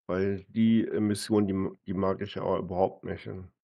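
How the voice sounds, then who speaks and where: A man chats casually with his gaming partner on a live stream, frequently tacking short tag questions onto his phrases. His voice sits low and level, with a creaky quality and a moderate pace. The highs in the recording are cut off.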